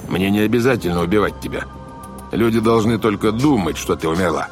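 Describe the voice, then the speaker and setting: A man's voice: fairly low pitch, brisk, faint music behind, natural voice. A man voicing a sinister scheming sea captain who speaks in a cold, sneering, menacing way.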